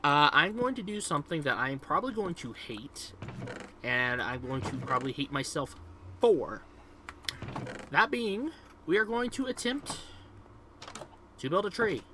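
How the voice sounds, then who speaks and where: A man's voice: on the high side, very animated, measured pace, pauses often, background noise. A young man, casually commentating on his own gameplay in a rambling, upbeat way, full of fillers. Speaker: gaming video host.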